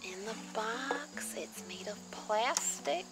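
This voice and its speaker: Over loud background music, a woman with a voice on the high side speaks slowly and animatedly. She's a vlogger doing an informal show-and-tell of thrift finds at a patio or deck table outside, chatting and exclaiming with excitement.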